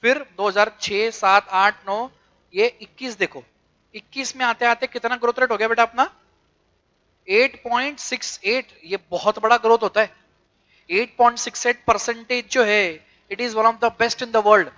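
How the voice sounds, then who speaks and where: High-voiced Indian teacher, quizzing students. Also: male voice, steady tone, sharp tone. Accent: Indian English. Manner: mixes English and Hindi, quizzes students with quick questions. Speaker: commerce teacher. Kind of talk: classroom lecture. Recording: dull lo-fi lecture recording.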